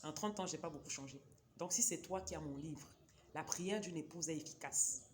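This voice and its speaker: A chatty woman vlogger with a low voice presents books at a normal speed over slight background noise. Her first language is a Cameroonian local language, and in this casual recommendation vlog she digresses and talks directly to viewers.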